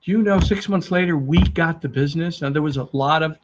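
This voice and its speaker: A man's voice: a little high, fairly quick, noisy background. A man telling sales anecdotes in a storytelling talk, acting out the dialogue he quotes. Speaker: sales speaker. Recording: dull lo-fi recording.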